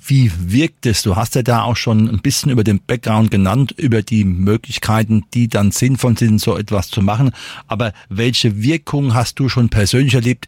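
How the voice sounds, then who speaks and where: A man hosting a podcast, interviewing a guest with formal, measured questions. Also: on the low side, a little mellow, husky, no echo.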